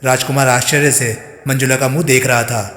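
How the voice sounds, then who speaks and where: A man narrating a mystery novel audiobook in an even, steady storytelling manner. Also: medium pitch, brisk, reverberant, long reverb tail.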